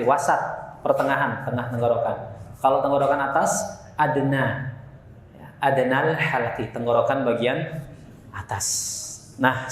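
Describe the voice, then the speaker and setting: A man's voice: mid-range voice, roomy sound. A man teaching Quran recitation to a congregation, playful and laughing often, chanting Arabic sounds for the group to repeat.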